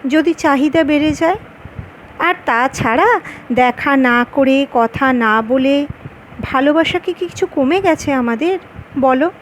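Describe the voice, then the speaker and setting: A woman's voice: high voice, takes it slowly, a little hiss or hum, rough recording. A woman reading the lines of a grown woman in love, wistful and playfully stubborn, in her own voice.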